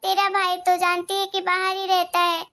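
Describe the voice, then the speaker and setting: A woman plays a worried middle-aged mother on the phone in a cartoon story. She explains things softly and reassures. The voice stays very high. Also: monotone, moderate pace. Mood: gentle.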